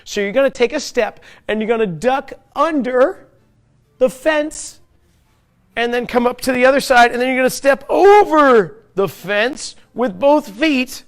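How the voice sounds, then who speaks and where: High-voiced man coaching kids. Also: lively intonation, a little slow. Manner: encouraging, asks the kids playful questions; demonstrates while moving, narrating his own steps. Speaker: fitness trainer leading a kids' P.E. class. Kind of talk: guided children's exercise class.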